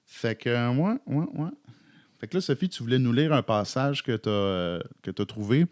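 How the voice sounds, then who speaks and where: A man with a Quebec French accent, co-hosting a casual book-club podcast with halting speech and dry humor. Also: medium pitch, expressive, a little mellow, dry recording. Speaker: podcast co-host.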